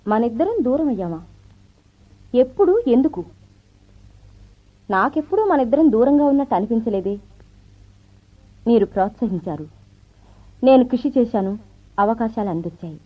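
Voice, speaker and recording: An actress playing a confident career wife and officer in an old radio show, brisk and teasing, with the thin sound of a vintage radio broadcast. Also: female voice, a little high, animated, phone-quality sound. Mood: defensive. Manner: brisk, self-assured, teasing speech with light laughs. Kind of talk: 1970s radio drama acting.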